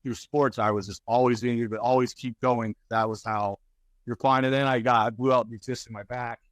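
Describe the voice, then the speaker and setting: This man in his forties, a guest author and speaker, talks candidly in an interview with a mid-range voice and no room sound. He halts and restarts often but grows animated when telling stories.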